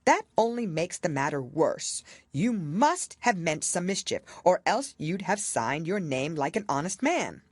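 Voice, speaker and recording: A woman's voice: fairly low pitch, very animated, unhurried, hardly any pauses, dry recording, clean studio sound. A woman voicing a pompous, muddled storybook king who is very pleased with himself, speaking emphatically. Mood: accusing. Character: pompous, muddled, self-satisfied storybook king acting as judge.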